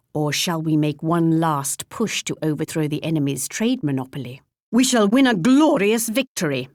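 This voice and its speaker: A woman's voice: fairly low pitch, dry recording, clean studio sound, natural voice. An actress playing a regal, wry English queen in a video game, with a British accent and a pompous, formal, archly polite delivery. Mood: grave, resigned, then confident, composed. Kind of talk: theatrical video game character voice lines.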